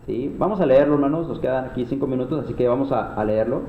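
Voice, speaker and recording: A man's voice: mid-range voice, quick pace, a little hiss or hum. A man with a Mexican Spanish accent, preaching earnestly to a church class and often calling his listeners brothers. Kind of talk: sermon-style Bible class. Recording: echoey room, dull lo-fi sound.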